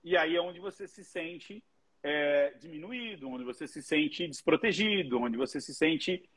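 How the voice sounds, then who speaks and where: A man, a guest who teaches public speaking, telling stories in an animated way and swearing freely. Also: on the high side, unhurried, slightly rough. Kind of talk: casual commentary chat.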